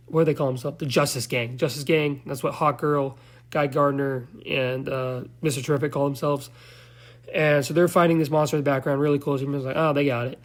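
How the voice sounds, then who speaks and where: A man's voice: mid-range voice, fairly even intonation, fairly quick. A man giving a loose, slangy, profane recap of a movie, now and then losing track of names. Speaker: movie reviewer.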